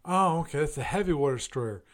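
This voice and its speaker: Fast and animated, with a slightly high pitch, this podcast host runs a casual show on his own. He reviews and chats in a musing way, frequently stopping to correct himself.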